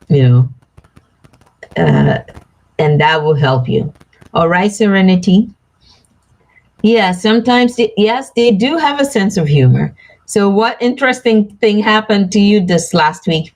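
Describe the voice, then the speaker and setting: Slow, low-voiced woman reading angel cards. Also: darkish tone, low-quality recording. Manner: slow, soothing, chats with viewers by name. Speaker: card reader and live stream host. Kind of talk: live stream chat, reading cards.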